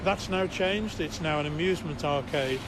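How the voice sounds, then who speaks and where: An older man speaks outdoors on a busy street, with clear traffic and city noise behind him. His voice is a little high for a man. He explains things in a plain, factual way. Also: moderate pace. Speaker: news cameraman, interviewee. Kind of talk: on-location interview.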